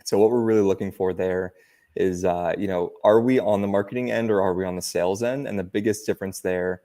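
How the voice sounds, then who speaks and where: A man from San Francisco who runs an agency, speaking as a webinar guest in a relaxed, measured way. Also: deep voice. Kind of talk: webinar interview.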